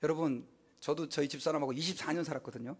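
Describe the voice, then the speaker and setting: A pastor in his fifties delivers a sermon in a fairly high voice. He preaches with emphasis, asks his listeners questions and acts out little quoted exchanges along the way. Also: fast talker, breathy edge.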